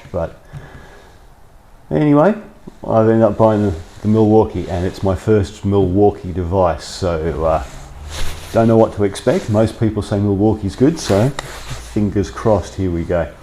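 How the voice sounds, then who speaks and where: With a deep, warm voice, a workshop vlogger speaks animatedly but without rushing, slight background noise audible. He reviews a product in a casual, talkative way in his cold workshop, thinking out loud into a clip-on lapel mic.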